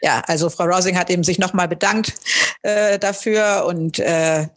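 A woman's voice: fairly low pitch, steady tone, normal speed. A woman working as interviewer and interpreter, relaying answers informally and consecutively.

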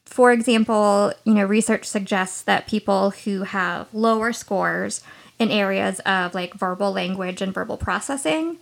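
A woman's voice: medium pitch, a little slow, creaky. A woman from Washington state co-hosting a true-crime podcast, explaining things thoughtfully with a few fillers. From Washington state, United States. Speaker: podcast co-host.

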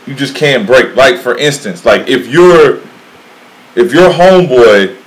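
Male, average pitch, very animated intonation, slangy bro-to-bro conversational delivery. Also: measured pace, low-quality recording. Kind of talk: casual chat among male friends.

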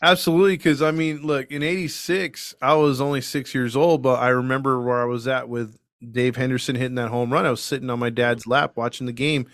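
A man's voice: medium pitch, steady tone, fairly quick, hardly any pauses, a bit bright, no room sound, clean studio sound. A man in his forties co-hosting a podcast, recalling memories in casual chat. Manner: reminiscing, conversational. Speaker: podcast co-host.

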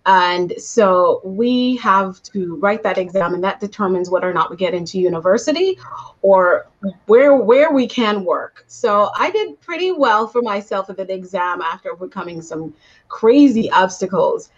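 A woman originally from Guyana speaks as an interview guest, sharing her journey as a coach. She talks in an animated, storytelling way with easy laughs. The call audio is somewhat dull and lo-fi. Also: medium pitch, moderate pace. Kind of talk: conversational interview answers.

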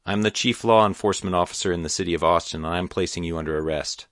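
A man's voice: low voice, quick pace, fairly bright tone, no room sound, clean studio sound. A man voicing a big, stern sheriff who barks orders with authority. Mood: commanding. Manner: commanding, barking orders.

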